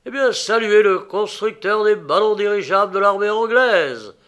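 A man's voice: on the high side, a little slow, pushed and bright, pitched above the performer's own voice. A man reading an audiobook aloud, voicing an ardent young male inventor who speaks eagerly and with emphasis.

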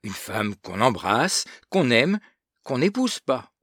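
A man reading aloud as a cocky schoolboy who brags and sneers at his younger cousin, sounding smug and superior in a storybook reading. The voice is a little husky, recorded dry and close. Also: mid-range voice, sing-song, takes it slowly, fairly bright tone, no room sound, heavily acted. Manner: boastful, scornful laughter. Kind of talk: audiobook reading of a novel.

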